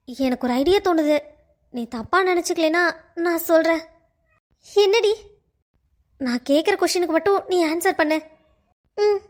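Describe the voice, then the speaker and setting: A woman doing a sly, probing young friend. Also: very high-pitched. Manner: questioning, insinuating. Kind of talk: cartoon voice acting.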